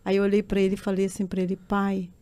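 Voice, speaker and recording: A middle-aged woman speaks as a podcast guest, offering an earnest, emotional personal testimony that builds to tearful intensity. Her voice is medium in pitch and dark in tone, delivered fast and in a monotone.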